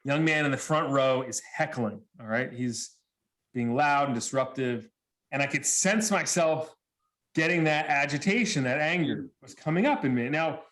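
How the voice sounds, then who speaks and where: A man's voice: mid-range voice, normal speed. A man giving a talk, telling stories with quoted dialogue and frequent laughter. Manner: animated storyteller, acts out quotes, laughs often. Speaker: speaker. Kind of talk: storytelling presentation.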